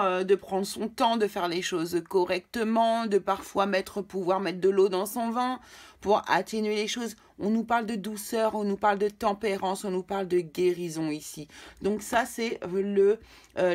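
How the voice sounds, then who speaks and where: A French woman talks through a tarot card spread for her viewers. She speaks casually, with many fillers and restarts, repeating words as she gathers her thoughts. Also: mid-range voice. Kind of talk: casual tarot reading video.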